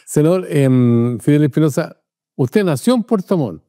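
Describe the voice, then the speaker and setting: Formal older Chilean TV interviewer. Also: male voice, fairly high pitch, lively intonation, dark tone, no room sound, studio quality. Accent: Chilean Spanish. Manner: measured, formal presenter delivery. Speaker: interview host. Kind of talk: broadcast interview hosting.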